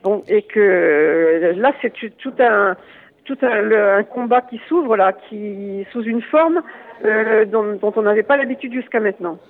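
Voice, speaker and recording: A man from Lyon speaking as a guest on a radio show over a phone line, halting and full of fillers. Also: sits high. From Lyon area, France. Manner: hesitant, halting, many fillers and restarts. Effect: heard over a phone line.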